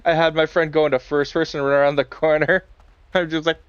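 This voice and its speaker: Smooth-voiced man chatting on stream. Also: fairly high pitch, flat delivery, quick pace, no room sound, muffled recording. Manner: rambling, many fillers, chuckling asides. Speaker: game streamer. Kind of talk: casual live-stream chat while playing.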